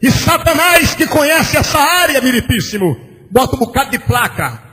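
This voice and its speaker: A pastor preaching a sermon, shouting bursts and a sing-song cadence as he acts out conversations, in an old church recording. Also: very high-pitched, sing-song, normal speed. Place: large church. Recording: old church recording with long hall reverb and faint hiss.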